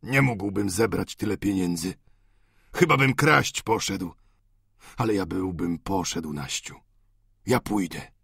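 A man reading an audiobook, voicing an old, frail father who speaks in halting outbursts of rage and tenderness. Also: low voice, gravelly, a bit bright, husky, no echo, studio quality, heavily acted. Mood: weak. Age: older. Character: elderly doting father, frail, furious with grief.

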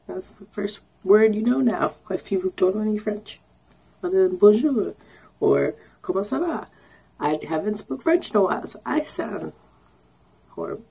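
A woman's voice: medium pitch, animated, moderate pace, vocal fry, mellow, breathy edge, rough recording. A young woman vlogging casually, rambling and giggling, with lots of ums and sarcastic asides. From Canada. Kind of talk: casual get-to-know-me vlog.

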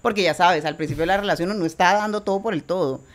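A woman's voice: lowish voice, very fast. A woman from Colombia with a Cali accent, a podcast guest chatting candidly and animatedly, swearing freely and laughing often. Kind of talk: candid casual interview chat.

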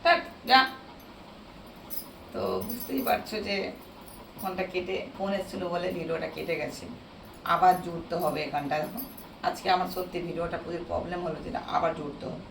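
A woman chatting casually to her viewers in a hoarse, gravelly voice, like someone whose voice has given out. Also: fairly low pitch, fairly even intonation, quick pace. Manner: chatty, addresses viewers directly. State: hoarse, strained voice from a sore throat. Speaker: vlogger. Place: room at home. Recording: roomy echo, distant mic, noisy background.

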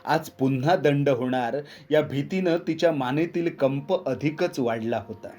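A man's voice: medium pitch, unhurried. A man reading a dramatic village story aloud, raising his voice to act out the characters' lines. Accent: Marathi. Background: soft instrumental music.

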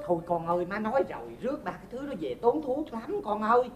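A woman's voice: mid-range voice, big pitch swings, fast, over music, lightly acted. A woman playing a fussy middle-aged mother, who scolds and complains in a comedy sketch. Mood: scolding.

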